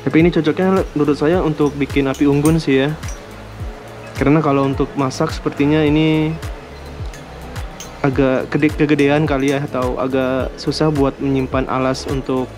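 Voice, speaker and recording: A man casually unboxing and reviewing camping gear at a table indoors, talking in a relaxed, hesitant way with small laughs. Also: fairly high pitch, normal speed, long pauses. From Indonesia. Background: music.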